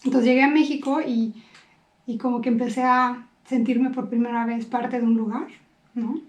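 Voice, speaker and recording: Lively woman. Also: on the high side, normal speed, roomy sound. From Belgium. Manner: lively, storytelling. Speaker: guest. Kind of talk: casual chat.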